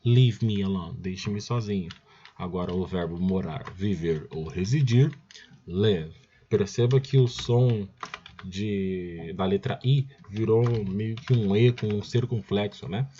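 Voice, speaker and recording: A man's voice: on the low side, takes it slowly, dark tone, dull audio, slight background noise. A man with a Brazilian Portuguese accent teaching English, drilling each phrase by repeating it and often calling out to his students. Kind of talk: recorded language lesson.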